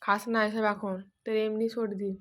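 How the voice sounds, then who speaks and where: A woman's voice: mid-range voice, little pitch movement, normal speed, a bit bright. A woman with a cold and a sore throat, chatting casually at home for her vlog and talking to a small child. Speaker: vlogger.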